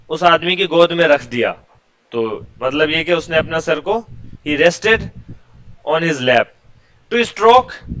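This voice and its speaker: Male tutor, bright higher voice, measured word-by-word lesson delivery. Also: clean tone, poor audio. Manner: slow dictation-like word-by-word explanation; asks rhetorical questions then answers. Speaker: English teacher. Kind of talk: vocabulary lesson with translations.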